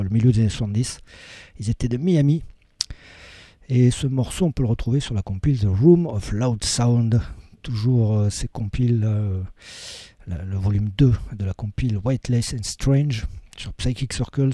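Guy hosting a music radio show, really dark mellow voice, umms a lot, dry studio sound. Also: mid-range voice, no echo. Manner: chatty, rambling with many fillers. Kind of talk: casual radio presenting.

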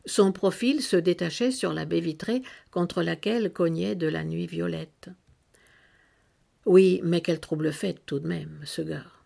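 Female narrator, lowish gravelly voice, expressive literary reading. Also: a little slow. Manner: expressive storytelling with sharp rises.

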